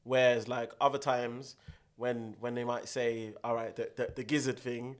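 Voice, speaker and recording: Young london roadman guy chatting with his bro, mid-pitched, slangy, says stuff twice for emphasis. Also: little pitch movement, normal speed. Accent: London roadman, urban multicultural London slang. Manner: slangy, emphatic, repeats phrases. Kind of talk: casual banter between friends.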